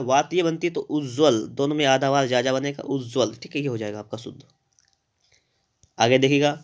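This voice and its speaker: A Hindi grammar teacher with a middle-pitched, clean voice runs an exam-prep spelling lesson, speaking directly to his students and checking in often with "thik hai." He spells out each answer step by step and repeats key words slowly.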